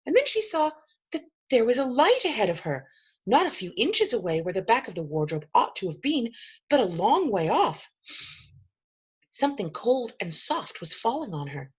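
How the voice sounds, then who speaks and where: Reading a children's novel aloud, a woman storyteller uses lively, swooping intonation and measured dramatic emphasis in expressive storybook narration. Her husky voice is on the high side, and the recording comes across slightly dull and lo-fi.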